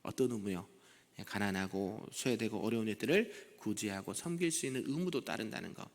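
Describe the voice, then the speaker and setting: A man's voice: fairly low pitch, brisk. Casting: male pastor, morning sermon, engaging and chatty, church reverb. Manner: conversational preaching, asks the congregation questions. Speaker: senior pastor. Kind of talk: early morning prayer sermon. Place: church sanctuary.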